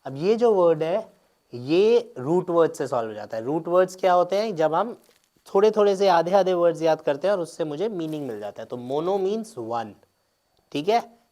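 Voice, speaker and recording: A man's voice: a little high, lively intonation, moderate pace, warm tone. Man explaining exam answers step by step. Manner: explains step by step, mixing Hindi and English, with frequent check-ins. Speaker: teacher. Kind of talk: exam paper explanation lecture.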